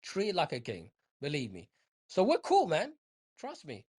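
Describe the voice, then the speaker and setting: A woman's voice: deep voice, wildly swooping pitch, measured pace, a little mellow, slightly rough. A woman in casual podcast chat, emphatic and profane, repeating her points to drive them home.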